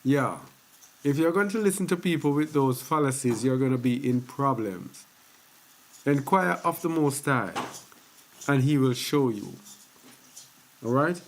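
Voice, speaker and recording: A man's voice: medium pitch, animated. A man hosting a religious teaching video, speaking casually and repeating points for emphasis. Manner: slow, conversational, repeats phrases for emphasis. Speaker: host of a faith teaching channel.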